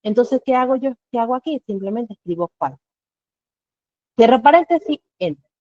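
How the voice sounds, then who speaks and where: Woman teacher, patient step-by-step explainer, mellow voice, dry muffled online class audio. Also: on the high side, lively intonation, moderate pace, no echo. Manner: explains step by step with rhetorical questions. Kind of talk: live online class walkthrough.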